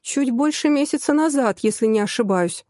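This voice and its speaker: A woman's voice: sits high, lively intonation, moderate pace, dark tone, no echo, clean studio sound. A woman voicing a blunt, mocking young woman, the narrator's sister, with a wry, outspoken manner, in an audiobook reading.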